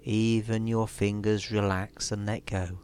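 Slow, low-voiced man guiding relaxation. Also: little pitch movement, darkish tone. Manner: slow, soothing, measured instruction with long pauses. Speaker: relaxation and hypnosis guide. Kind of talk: guided relaxation meditation. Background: music.

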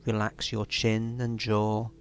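A man with a fairly low voice guides a relaxation session over soft background music. He speaks very slowly and soothingly. Each instruction is measured and followed by a long pause. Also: completely flat delivery.

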